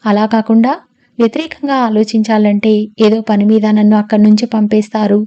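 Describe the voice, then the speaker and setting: A woman's voice: medium pitch, level tone, fairly quick, warm tone, muffled recording, close to an everyday voice. A woman reading the part of a spirited young woman who protests emphatically in a storybook reading. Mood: indignant.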